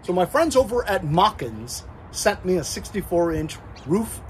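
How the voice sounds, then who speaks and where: A chatty middle-aged man with a fairly high voice, talking straight to his viewers in a casual review. He stands outdoors in a driveway, recorded on a nearby phone, with clear street and traffic noise behind him. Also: very animated, a little slow. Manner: chatty, addresses viewers as guys. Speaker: product reviewer. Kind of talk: casual product review vlog.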